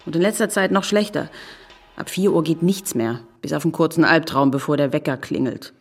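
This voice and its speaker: A woman with a deep, slightly quick voice acts in a German audio drama as a sardonic married city woman. Her delivery is dry, ironic and conversational, with a teasing mood.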